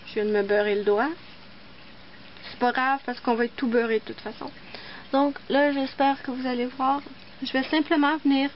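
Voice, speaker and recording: A woman's voice: sits high, lo-fi sound, a little hiss or hum. A woman hosting a casual nail art tutorial, chatting and explaining each step as she works. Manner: chatty, explains while working.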